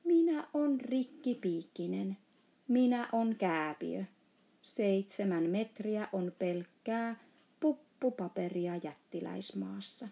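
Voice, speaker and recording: A woman's voice: medium pitch, creaky, warm tone, natural voice. A woman voicing a big friendly male giant in a storybook reading, playfully mangling his words. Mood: emphatic.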